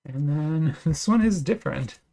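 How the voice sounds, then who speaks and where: Gravelly-voiced man opening card packs. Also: a little high, animated, normal speed, mellow. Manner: enthusiastic, chatty, frequent fillers and laughs. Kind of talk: casual unboxing commentary.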